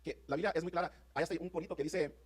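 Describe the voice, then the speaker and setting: Male pastor, rapid-fire fervent sermon delivery, high voice. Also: steady tone, breathy edge. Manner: fervent, rapid preaching with rising emphatic peaks; addresses congregation as brothers, asks "¿están conmigo?". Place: church sanctuary.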